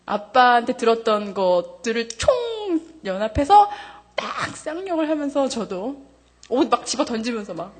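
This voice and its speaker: A woman in her thirties giving a testimony to a congregation, candid and animated, laughing often, her voice jumping high when she gets excited. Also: normal speed. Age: 30s. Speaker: church member giving testimony.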